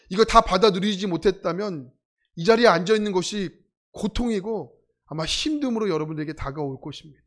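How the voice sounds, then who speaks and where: A middle-aged man from South Korea preaching a sermon, telling stories with humor and acting out the voices of people in them. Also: high-pitched. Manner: animated, acts out quoted voices. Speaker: pastor.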